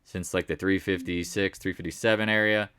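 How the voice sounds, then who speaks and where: A man's voice: deep voice, fairly even intonation, fairly quick, a bit bright, clear, resonant tone, no room sound, studio quality. A man giving a casual, rambling market recap, often restarting and correcting himself and joking along the way. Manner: rambling, self-correcting, jokey. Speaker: market commentator.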